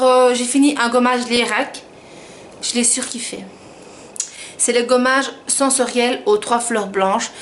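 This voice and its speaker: A woman's voice: a little high, fairly bright tone, slight background noise. A woman chatting through a casual beauty product review, rambling and poking fun at herself. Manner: chatty, rambling, self-mocking. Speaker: beauty vlogger.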